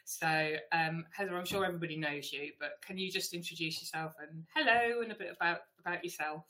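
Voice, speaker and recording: A woman's voice: fairly low pitch, brisk, pushed and bright. A woman hosting a live online webinar, welcoming viewers in a chatty, friendly way with frequent ums. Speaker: webinar host.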